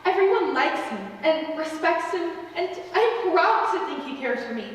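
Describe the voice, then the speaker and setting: A woman's voice: very high-pitched, sing-song, normal speed. A woman playing an earnest, modest but proud young woman in a stage play, speaking in a proper manner. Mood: defiant, proud. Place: theater stage, recorded from the audience area. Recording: echoey theater, distant mic, faint noise.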